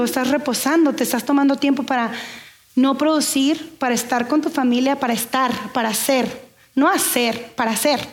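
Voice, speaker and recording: High-voiced woman preaching. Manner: conversational preaching, asks the audience questions. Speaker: pastor. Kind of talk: sermon.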